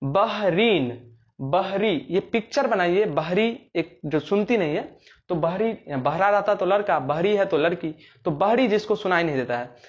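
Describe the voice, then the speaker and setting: A man's voice: high-pitched, expressive, normal speed, dull audio. A young man teaching exam memory tricks, telling playful little stories and acting out scenes in rustic dialect. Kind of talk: explaining memory tricks for exams.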